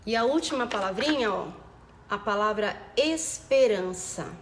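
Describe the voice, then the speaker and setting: Brief: higher-voiced female teacher, slow careful dictation for kids, echoey room. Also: lively intonation, a little hiss or hum. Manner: slow, over-enunciated dictation of words; affectionate diminutives and frequent check-ins. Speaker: primary school teacher. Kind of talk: recorded remote lesson for children.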